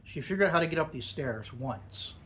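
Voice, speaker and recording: A man's voice: on the high side, animated, brisk, a bit bright, a little hiss or hum. A man giving a casual, musing solo video review, talking with a lip full of dip. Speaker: product reviewer. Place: upstairs in a garage.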